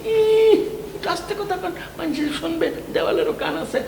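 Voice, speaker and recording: An actor playing a scheming brother-in-law who wheedles and talks fast. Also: male voice, extremely high pitch. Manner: wheedling, fast-talking, animated. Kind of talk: TV drama acting. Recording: echoey room, faint noise.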